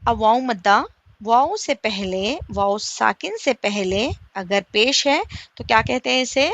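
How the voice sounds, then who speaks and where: Slow, patient woman teaching recitation. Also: on the high side, animated, a bit bright, no room sound. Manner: asks the class questions and answers them herself, draws out example vowels slowly. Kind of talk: slow step-by-step tajweed lesson.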